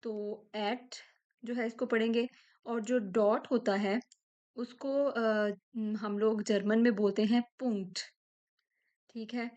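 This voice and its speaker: A woman's voice: a little high, level tone, a little mellow, muffled recording. A woman teaching a German lesson, explaining step by step and checking in with the listener often. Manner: slow, explains step by step, ends phrases with "ठीक है?". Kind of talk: language lesson explaining textbook.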